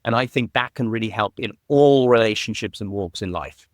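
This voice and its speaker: A man who is a podcast guest, telling a story in an animated, heartfelt way. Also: fairly low pitch, normal speed, no echo, studio quality. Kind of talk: conversational interview.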